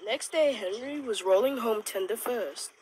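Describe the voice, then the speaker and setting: A plain storybook narrator, read by a man tells a homemade toy train story. The reading is steady and even, with faint background sound. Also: very high-pitched, moderate pace, slight background noise.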